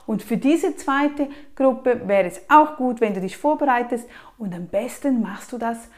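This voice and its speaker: A woman, giving casual, emphatic money-saving advice straight to the viewer, often dropping her voice softly. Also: a little high, measured pace. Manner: emphatic and lively, with frequent soft drops in volume. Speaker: personal finance advice vlogger.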